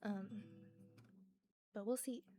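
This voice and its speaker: A woman's voice: medium pitch, steady tone, takes it slowly. A woman live streaming from her apartment, chatting casually and self-deprecatingly with viewers between songs on a desk microphone. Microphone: desk microphone she can mute.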